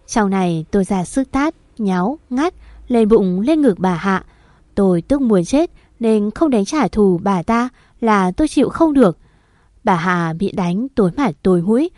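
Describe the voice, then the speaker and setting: A woman's voice: mid-range voice, dry recording. A woman reads a dramatic first-person story in the manner of an audiobook narrator. She gives the quoted lines real force and lifts them with urgency. The recording is dry, with no room sound. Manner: voices the characters' shouted lines with rising intensity.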